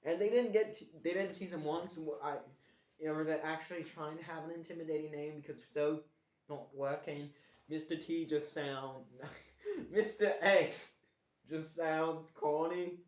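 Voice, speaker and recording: Speaking at normal speed in a fairly high, steady and slightly mellow voice, a man gives a casual cartoon review in a put-on Australian accent. He mock-complains, rambles and restarts sentences, with an echoey room around him.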